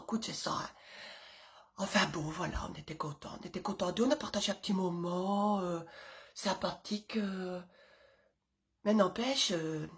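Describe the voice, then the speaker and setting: Middle-aged woman, casual chatty monologue to camera, rambling and animated, full of fillers and sudden whispered asides. Mid-range pitch. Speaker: vlogger, mother of several children.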